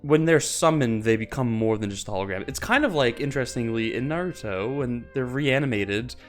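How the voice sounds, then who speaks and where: A man's voice: mid-range voice, animated, a little fast, faint music behind. A man co-hosting a casual podcast, explaining at length and correcting himself as he goes. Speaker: podcast co-host. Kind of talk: casual chat.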